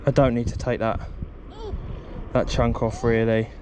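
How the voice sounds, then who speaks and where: An English angler vlogger, medium-pitched and unhurried, narrates a casual how-to from a concrete seawall by the sea. He's relaxed, talking through each step as he works, recorded on a head-mounted action camera with wind and sea noise outdoors.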